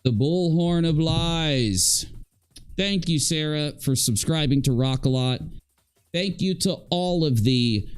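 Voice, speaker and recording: A livestream host and video creator rants casually, rambling in an emphatic, repetitive and accusatory way. He speaks slowly in a fairly high, clean-toned voice.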